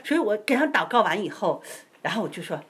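Lively woman telling a healing testimony. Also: medium pitch, fast. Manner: keeps asking "you know?", acts out voices. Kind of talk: animated testimony storytelling.

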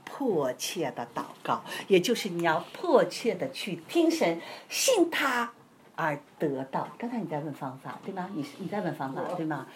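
Lively woman telling a healing testimony. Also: on the low side, normal speed, slight background noise. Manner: keeps asking "you know?", acts out voices. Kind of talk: animated testimony storytelling.

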